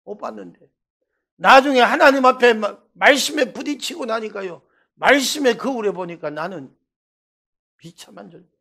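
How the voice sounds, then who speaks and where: Middle-aged male preacher, Gyeongsang accent, high voice, animated revival-sermon storyteller. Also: moderate pace, creaky. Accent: Gyeongsang Korean. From Daegu, South Korea. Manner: animated storytelling, swinging between loud bursts and hushed asides. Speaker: pastor.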